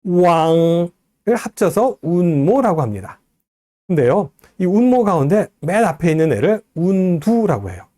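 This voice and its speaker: A man giving a recorded lecture, explaining step by step and slowly modeling pronunciations. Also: high voice, very animated, mellow, dry recording, clean studio sound.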